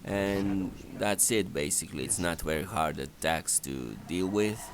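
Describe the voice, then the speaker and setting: A man narrates an unscripted walkthrough of a strategy game, guiding step by step in a hesitant, instructional way. His voice is low and his pace measured, with background noise behind him.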